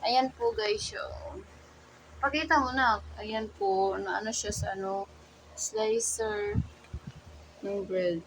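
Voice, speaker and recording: A woman's voice: fairly high pitch, sing-song, slow pace, creaky, long pauses, a little hiss or hum, poor audio. A woman, a mother chatting casually to her vlog viewers at home, playful and mixing Tagalog with English. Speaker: vlogger and mother.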